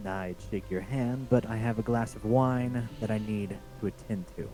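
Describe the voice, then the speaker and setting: A man's voice: on the low side, steady tone, moderate pace, warm tone, faint music behind, voice pushed down, close to an everyday voice. A man voicing a haughty, wine-sipping suburban wife in a dating game read-through, with a dry, drawled delivery. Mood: aloof. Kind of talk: voicing visual novel characters on a live stream.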